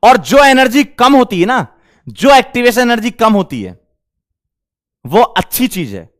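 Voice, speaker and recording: A male chemistry teacher lecturing a class, firing quick questions at the students. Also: very high voice, very animated.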